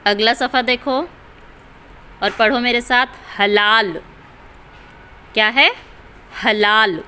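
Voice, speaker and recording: A woman teacher talks very slowly and deliberately, spelling each word out sound by sound and then saying it again for the class to repeat. Her voice is bright and crisp, pitched a little high, with clean, clear diction. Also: fairly even intonation. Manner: spells out words letter by letter and repeats them for pupils. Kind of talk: slow classroom reading lesson.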